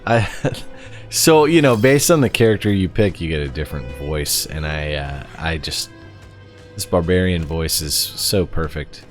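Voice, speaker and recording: A man with a low voice streams a video game, musing aloud in a slow, halting way. Faint music sits behind his casual commentary. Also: animated.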